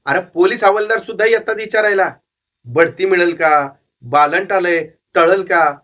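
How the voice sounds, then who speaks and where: A man's voice: high voice, moderate pace, fairly bright tone. A man voicing a shrewd, cynical old male street fortune-teller who talks bluntly and knowingly in a narrated story. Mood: amused, knowing. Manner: blunt, scolding, worldly.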